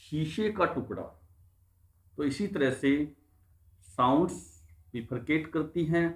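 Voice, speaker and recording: A man's voice: a little high, animated, slow pace, reverberant. A man teaching English pronunciation in Hindi. He spells words out letter by letter and then explains what they mean. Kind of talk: Hindi-language pronunciation lesson.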